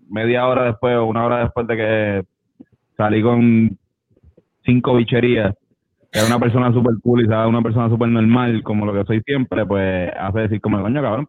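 A man's voice: fairly low pitch, flat delivery, moderate pace, no echo, phone-quality sound. Laughing, swearing man. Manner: loose, swearing, laughing often. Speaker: band member guest. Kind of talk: casual interview chat.

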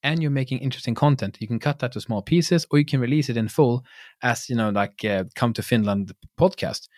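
A male podcast host talks very fast, giving animated, chatty advice. His mid-range voice is recorded dry, with no room sound around it. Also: medium pitch, no echo. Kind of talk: casual podcast interview.

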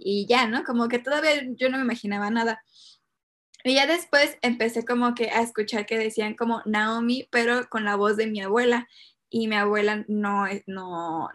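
A woman's voice: on the high side, fairly bright tone. Hesitant young Mexican woman. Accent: Mexican Spanish. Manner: hesitant, many fillers and nervous laughs. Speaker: guest telling a personal story. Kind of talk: casual chat.

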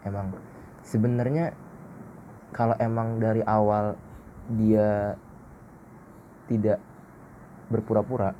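A man's voice: fairly low pitch, little pitch movement, takes it slowly, pauses often, warm tone, muffled recording, a little hiss or hum. A man hosting a casual solo podcast, blunt, slangy and self-mocking. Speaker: podcast host.

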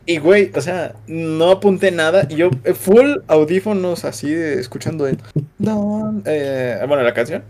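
A young man with a Mexican accent, a podcast host telling an excitable, slang-heavy story and laughing often. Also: fairly high pitch, normal speed, few pauses. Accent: Mexican Spanish. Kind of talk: casual storytelling chat.

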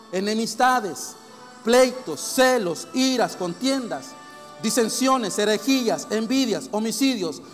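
Brief: a pastor with a high voice, preaching from the pulpit and pressing the congregation with questions. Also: male voice. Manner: reads long scripture lists, questions the congregation directly. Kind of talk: sermon. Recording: long hall reverb.

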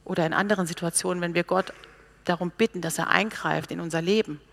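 A woman preaching a sermon, telling stories and acting out the people she quotes with lively pauses and hesitations. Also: fairly low pitch, creaky. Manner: lively storytelling, animated quoting of others, with pauses and hesitations.

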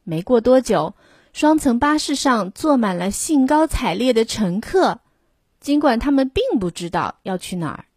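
A woman reading a children's picture book aloud, slowly and gently, lifting her voice for the characters. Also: fairly high pitch, big pitch swings, breathy edge, dry recording. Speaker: storyteller.

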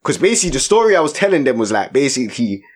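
A man's voice: medium pitch, big pitch swings, rapid-fire. A young man with a London accent telling a story in casual chat, heavy on street slang and tag questions. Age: young adult.

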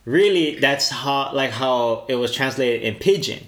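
A man's voice: medium pitch, lively intonation, measured pace, a bit bright, a little hiss or hum. Local Hawaiian man in a roomy space. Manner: colloquial, with local Pidgin slang. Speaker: podcast co-host. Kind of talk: casual chat. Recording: roomy echo.

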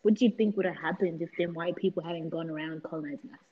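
A young woman co-hosting a podcast, playful and quick to tease her partner. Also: deep voice, fairly even intonation, husky, narrow, tinny audio. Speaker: podcast co-host. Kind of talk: casual chat.

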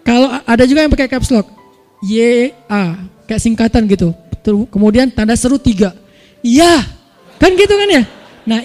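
A man's voice: very high-pitched, a little mellow. A man preaching in a casual, chatty way, acting out everyday examples for his listeners. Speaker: Islamic preacher. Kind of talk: casual religious lecture.

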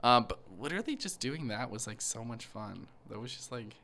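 A man's voice: mid-range voice, lively intonation, fairly quick, sharp tone, a little hiss or hum. Chatty young man, casual podcast talk. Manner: chatty, lots of fillers and "like". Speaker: podcast co-host. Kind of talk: casual chat.

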